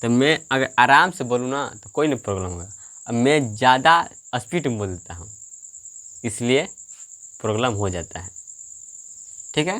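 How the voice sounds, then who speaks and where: A man's voice: medium pitch, a bit bright. A man teaching English grammar to a class, repeating questions and answering them himself. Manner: slow, drawn-out delivery.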